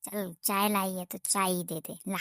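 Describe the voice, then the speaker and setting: A woman's voice: medium pitch, flat delivery, a little slow, fairly bright tone, clean tone, dry recording, clean studio sound, pitched below the performer's own voice. A woman voicing a lazy, grumbling old mother-in-law who scolds and suspects her daughter-in-law in rustic speech.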